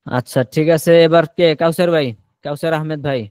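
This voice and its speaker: A man leading an online English lesson, voice sitting a bit high and close and dry with no room around it. He calls out words one by one and drills them back slowly and patiently. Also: fairly even intonation, a little mellow, clean tone, no room sound. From Bangladesh. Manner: drills students with quick prompts, repeats words slowly. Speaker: English teacher. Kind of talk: online spoken-English class.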